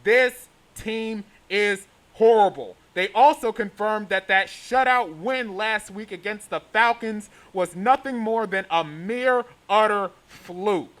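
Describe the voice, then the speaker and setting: High-pitched man on an exasperated sports rant. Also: a little slow, few pauses, fairly bright tone. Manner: exasperated, emphatic. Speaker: sports show host. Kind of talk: opinionated sports rant to camera.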